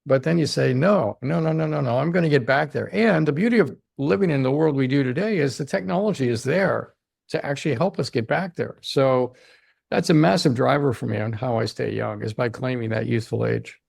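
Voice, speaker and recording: A man's voice: medium pitch, a little fast, vocal fry, darkish tone, dry recording, clean studio sound. A man being interviewed as a longevity doctor, explaining his ideas emphatically and often checking in with "right?". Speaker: longevity doctor, podcast guest.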